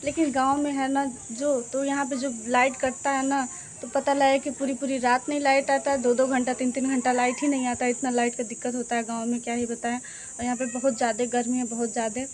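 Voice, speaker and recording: A woman's voice: high voice, level tone, brisk, a little hiss or hum. A woman in her thirties with a Bhojpuri-tinged Hindi accent, chatting casually in a vlog, outdoors at a village home, recorded on a phone. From eastern Uttar Pradesh, India. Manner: chatty, repeats "what to say" often. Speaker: vlogger.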